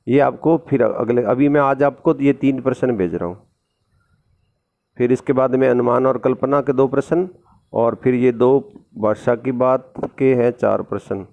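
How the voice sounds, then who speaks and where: A man's voice: medium pitch, moderate pace, creaky. A man teaching a recorded school lesson with a sore throat, explaining patiently and repeating tag questions. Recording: dull lo-fi recording.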